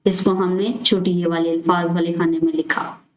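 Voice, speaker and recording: A woman's voice: fairly low pitch, flat delivery, normal speed. Woman, Pakistani Urdu accent, patient teacher spelling words letter by letter, echoey room sound. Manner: spells words out letter by letter, asks and answers own questions. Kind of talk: explaining a school lesson.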